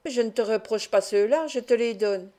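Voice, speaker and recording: A woman's voice: fairly high pitch, normal speed, warm tone, natural voice. A woman reading the part of a bitter, scornful young male thief in an audiobook. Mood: amer. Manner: angry reproachful.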